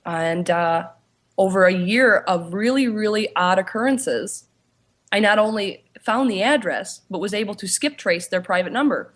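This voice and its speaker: A woman, a paranormal investigator and author, telling her story in a casual interview, often pausing with "you know" and restarting her sentences. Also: mid-range voice, lively intonation, fairly bright tone.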